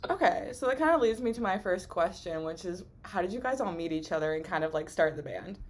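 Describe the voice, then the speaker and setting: A woman's voice: on the low side, lively intonation, a little fast. A woman hosting a casual interview podcast, asking questions and giving frequent short acknowledgements. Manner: friendly, lots of listening sounds and short okays. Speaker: podcast host interviewing a band.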